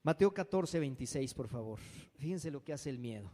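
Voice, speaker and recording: A man's voice: mid-range voice, expressive, fairly quick, a little mellow. A man preaching a sermon as pastor, dramatic and acting out frightened voices. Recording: long hall reverb.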